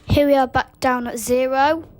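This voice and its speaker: A woman's voice: sits high, fairly even intonation, normal speed. A woman hosting a casual video tour, giving simple, factual commentary in short statements. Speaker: video host. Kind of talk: casual narrated lift tour. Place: inside lifts in public buildings.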